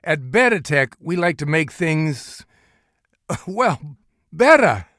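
A man's voice: fairly high pitch, very animated, takes it slowly, fairly bright tone, no echo, studio quality, heavily acted. A man playing a folksy, upbeat and evasive corporate spokesman in a comedy radio interview. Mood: breezy, proud. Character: breezy, evasive corporate spokesman for an evil company. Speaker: interview guest, company spokesman.

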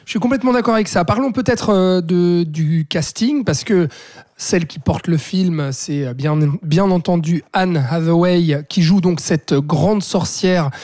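A man's voice: high voice, a little slow, a little mellow, dry recording, studio quality. A man discussing a film's casting in a casual review, blunt and full of hesitations. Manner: blunt, hesitant with many fillers. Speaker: film critic.

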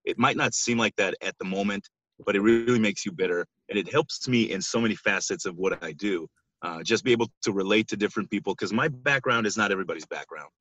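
Low-voiced sleep-deprived man from Israel. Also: quick pace, fairly bright tone, no echo, lo-fi sound. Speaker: basketball coach, guest. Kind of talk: casual interview.

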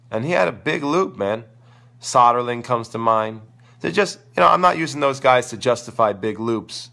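At medium pitch and with a fairly bright tone, the man speaks through a crackly, gravelly voice worn down by a sore throat. As host of a live online tennis show, he fields viewer questions casually, emphatically and opinionatedly while losing his voice.

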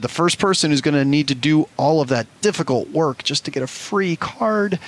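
Upbeat man hosting a live show. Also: medium pitch. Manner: upbeat, reads winners' names slowly like an announcer. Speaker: show host. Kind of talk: live show giveaway announcements.

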